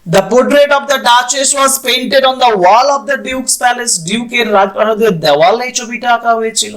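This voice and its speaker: Speaking a little slowly in a medium-pitched, fairly bright voice, a teacher with a Bengali accent works through exam questions. Each point is repeated in Bengali and English, and words get spelled out.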